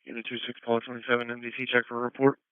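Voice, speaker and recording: Guy dispatcher on police radio, super fast flat readout, thin radio sound. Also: mid-range voice, noisy background. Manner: rapid monotone call-sign readout. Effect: police radio transmission. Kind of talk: clipped radio dispatch calls. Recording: tinny dry radio channel.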